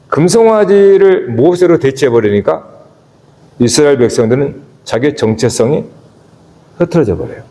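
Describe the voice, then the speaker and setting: A man preaches a sermon in a church sanctuary, his pitch sitting fairly high and moving in wide, lively swings. He keeps asking the congregation questions and drops low between emphatic peaks. The recording carries the roomy echo and long reverb of the church hall. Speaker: pastor.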